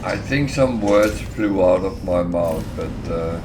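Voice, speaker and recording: A man's voice: deep voice, slow pace. A middle-aged man chatting casually while gaming on a livestream, hesitant with many fillers and restarts. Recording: clear background noise.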